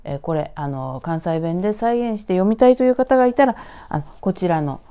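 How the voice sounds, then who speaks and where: A woman from Tokyo telling a ghost story in a hushed, dramatic way, sinking into whispers and voicing the eerie sounds herself. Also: on the low side, animated, brisk, clear, resonant tone. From Tokyo, Japan. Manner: hushed, dramatic, dropping to whispers at tense moments; sound effects voiced aloud. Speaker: ghost story author and narrator.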